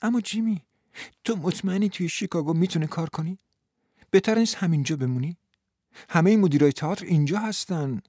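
Guy doing a sweet young woman, high soft voice, really loving, storybook reading. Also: no room sound, clean studio sound. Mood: eager. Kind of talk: audiobook reading.

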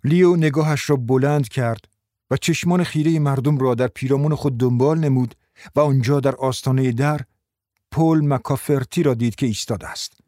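A man reading a novel aloud in a measured, even way. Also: medium pitch, dry recording, clean studio sound. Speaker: narrator. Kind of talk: audiobook narration.

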